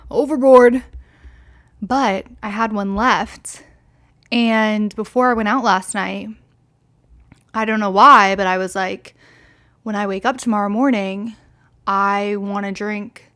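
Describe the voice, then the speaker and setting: Her voice medium-pitched and fairly bright, a slightly tipsy twenty-something podcast host chats alone on her casual show. She's candid and rambling, full of fillers and curse words.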